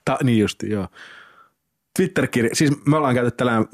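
A man hosting a relaxed radio interview, reading out old tweets and prompting his guest. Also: medium pitch, no echo, studio quality. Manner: reads out tweets, brief interjections. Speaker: radio show host. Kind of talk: casual interview.

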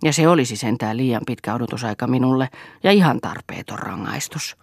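A woman's voice: extremely low pitch, animated, vocal fry, a little mellow, no echo, studio quality, full character voice. A woman reading a letter from an affectionate younger sister, in a tender and pleading way.

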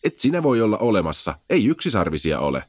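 A man's voice: on the low side, sing-song, no room sound. A man voicing an ancient, sleepy stone unicorn, kind, wry and reassuring. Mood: wry, gentle.

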